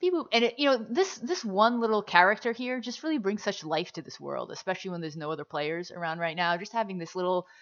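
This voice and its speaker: Low gravelly-voiced woman hosting a gameplay video. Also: fast, hardly any pauses, a bit bright, muffled recording. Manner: chatty, upbeat, with frequent fillers. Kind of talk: casual gameplay commentary.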